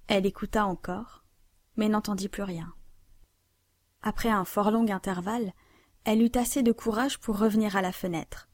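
Mellow woman reading a classic novel. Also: medium pitch, no room sound. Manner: measured, even literary reading. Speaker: audiobook narrator. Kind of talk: scripted narration of a classic novel.

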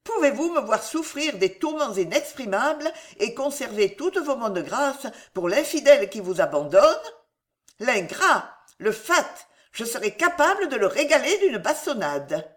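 A woman voicing an excitable, fawning young gentleman who pleads theatrically. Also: a little high, a little slow.

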